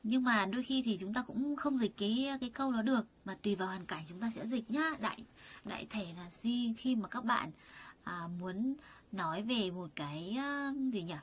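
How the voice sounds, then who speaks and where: A woman teaching a Korean lesson online, chatty and full of fillers, asking her students rhetorical questions and saying words slowly for them to repeat. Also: medium pitch, husky. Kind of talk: online lesson explaining vocabulary and grammar.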